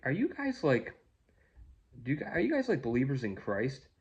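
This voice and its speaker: A woman's voice: rumbling low, wildly swooping pitch, moderate pace, a little mellow, dull audio, voice pushed up, full character voice. A man voicing a curious young woman traveler who asks hesitant, eager questions.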